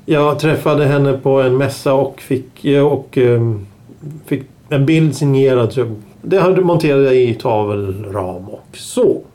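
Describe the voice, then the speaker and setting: A man's voice: mid-range voice, dark tone. Swearing, teasing man. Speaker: podcast co-host. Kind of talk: casual chat.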